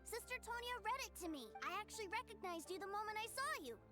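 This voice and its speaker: Young boy, earnest and excitable, very high voice; clear game music behind. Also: fast. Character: sweet eager young boy.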